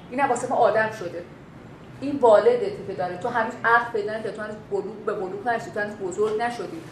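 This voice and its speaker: A woman instructor giving a classroom lecture on communication, animated and acting out quoted dialogue. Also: a little high, roomy sound, a little hiss or hum, poor audio. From Bakhtiari heritage.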